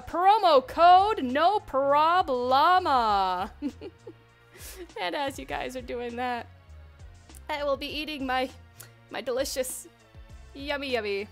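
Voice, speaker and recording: A woman's voice: sits high, fairly bright tone. A young woman hosting a casual livestream, chatting upbeat and laughing often while she reads the chat and eats spicy wings. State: mouth burning from spicy wings. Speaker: livestream host for a game studio.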